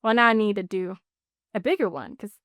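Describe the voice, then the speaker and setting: Bubbly, chatty woman, smooth voice. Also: medium pitch, expressive, fairly quick, fairly bright tone, dry recording, clean studio sound. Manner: chatty, emotional, fills talk with "like". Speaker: podcast guest. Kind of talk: casual interview chat.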